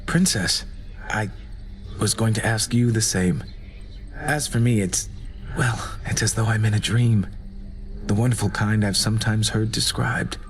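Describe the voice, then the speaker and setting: A lovestruck god of doom for a video game. His voice sits fairly low, solemn and courtly, with shy hesitations in formal speech. Music plays softly behind him. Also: steady tone, a little slow, long pauses. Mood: shy, hopeful. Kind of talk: dramatic video game voice acting.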